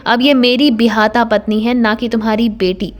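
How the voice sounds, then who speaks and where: A woman's voice: on the high side, normal speed, darkish tone, lightly acted. A woman voicing a defiant young groom who threatens his enemies in a cold, taunting way, read in a storybook. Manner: menacing, taunting.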